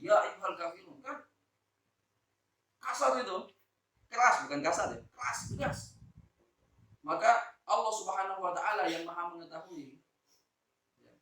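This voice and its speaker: A man from Lombok giving a Quran exegesis lecture to teachers, shifting between loud emphasis and soft asides, and drawing out Arabic words slowly. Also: fairly high pitch. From Lombok, Indonesia. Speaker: Islamic teacher. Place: school hall, indoors. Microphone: phone camera recording. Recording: echoey room, distant phone mic.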